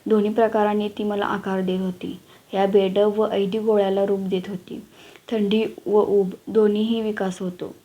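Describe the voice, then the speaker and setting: A woman reading a story aloud, with steady, even delivery and small shifts for the characters' lines. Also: medium pitch, moderate pace, lo-fi sound.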